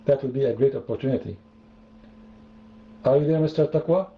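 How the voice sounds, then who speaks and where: A man's voice: medium pitch, brisk. A man hosting an online debate room, talking in a sarcastic, mocking way and repeating phrases for effect. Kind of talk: mocking religious debate talk. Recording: roomy, dull online voice chat.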